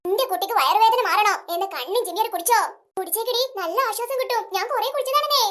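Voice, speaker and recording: Someone playing a doting old grandmother, high and quick. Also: lively intonation, a bit bright. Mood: soothing. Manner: coaxing and doting, with rural Kerala speech. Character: fussing, loving old grandmother. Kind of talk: family skit acting.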